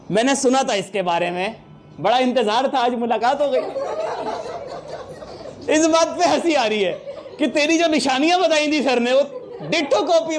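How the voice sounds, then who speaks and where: Very high-voiced laughing male trainer. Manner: lively, laughing, playful. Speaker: sales trainer. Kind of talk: motivational training talk.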